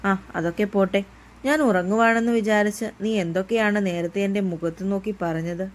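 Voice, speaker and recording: A woman's voice: medium pitch, fairly even intonation, fairly quick, natural voice. A woman voicing a playful, sulky young man in a storybook romance, teasing and coaxing his beloved.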